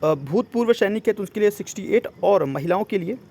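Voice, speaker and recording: With a high, warm voice that's animated and brisk, touched with vocal fry, a male exam coach walks through a job notice casually. He sprinkles in English words and frequently asks whether his audience is keeping up.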